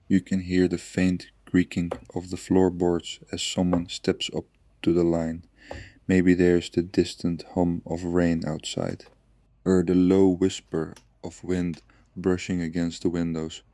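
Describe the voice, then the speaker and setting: A man speaking softly and soothingly in a slow, gentle ASMR relaxation and storytelling style. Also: sits low, completely flat delivery, no room sound. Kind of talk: soft-spoken ASMR guided relaxation and storytelling.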